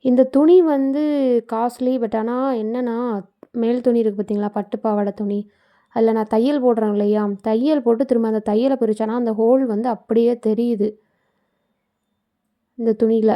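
A woman's voice: a little high, steady tone, normal speed, long pauses, warm tone. A woman giving a casual, explanatory voice-over for a sewing tutorial, with chatty asides. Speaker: tailoring channel host. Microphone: phone.

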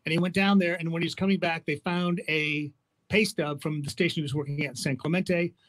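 A man's voice: a little high, steady tone, fairly quick, a bit bright, rough recording. A man hosting a radio show, talking casually and in a rambling way, with jokes and many restarts. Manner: rambling, full of fillers and restarts, joking. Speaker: radio host. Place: radio studio.

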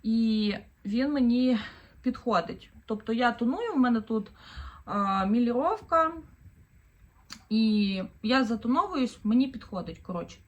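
A woman's voice: on the high side, animated, measured pace, muffled recording. A woman in her thirties from Ukraine, chatting casually through a shopping haul as a vlogger, thinking aloud with fillers. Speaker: vlogger, mother of four.

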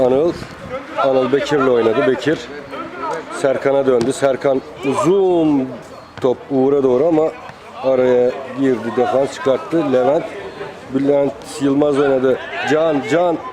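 A man's voice: medium pitch, steady tone, unhurried. A man giving live football play-by-play in clipped phrases, calling out player names. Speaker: football commentator. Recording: crowd noise, outdoor amateur match. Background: outdoor crowd.

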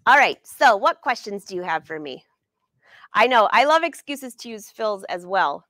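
A woman in her forties, a sewing educator and brand ambassador, leads a live sewing lesson from her studio, chatting upbeat and answering viewers by name. Her medium-pitched voice is sing-song and fairly bright, at a moderate pace, in a dry recording.

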